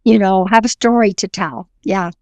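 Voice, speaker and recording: A woman's voice: medium pitch, normal speed, darkish tone, no echo, dull audio. A middle-aged woman, a psychic medium, talking earnestly and reflectively as an interview guest, with many fillers and restarts. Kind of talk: conversational interview.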